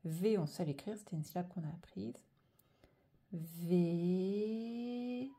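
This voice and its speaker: A woman teaching a slow handwriting dictation lesson, carefully drawing out each sound and letter. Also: on the low side, gravelly, warm tone. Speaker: primary school teacher.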